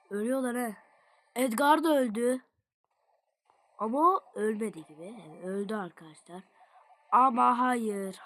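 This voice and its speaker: A woman with a high, light voice talks her viewers through a mobile game match. She is excitable, dropping into quiet mutters and then bursting into loud cries when something happens on screen. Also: dry recording. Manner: excitable, swings from low mutters to sudden shouts. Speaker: gaming video creator. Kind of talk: casual gameplay commentary to viewers.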